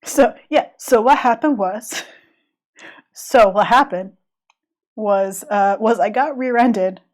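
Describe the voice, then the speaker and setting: This woman's voice sits on the high side, and she speaks at a slow pace. She's sick with a cold, chatting idly and rambling with restarts as she draws live on stream.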